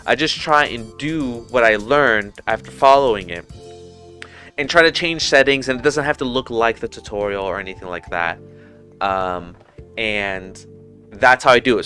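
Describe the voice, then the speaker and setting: A Puerto Rican man in his thirties hosts a casual livestream, his medium-pitched voice bright and forceful. He chats informally into a headset mic, full of fillers and restarts, while music plays faintly underneath.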